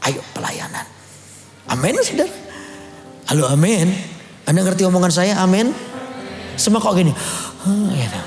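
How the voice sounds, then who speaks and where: A man's voice: high voice, normal speed, long pauses, roomy sound, soft background music. A male pastor, preaching a sermon and acting out the dialogue as he tells his story. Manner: animated storytelling, acts out dialogue, calls for amens. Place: church service.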